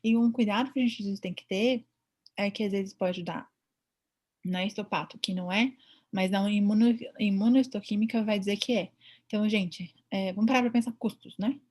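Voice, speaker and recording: Brazilian vet lady lecturing online, husky voice, chatty, acts out what she's thinking. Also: mid-range voice, normal speed. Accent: Brazilian Portuguese. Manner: chatty, animated, acts out her own thoughts. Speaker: veterinary ultrasound teacher.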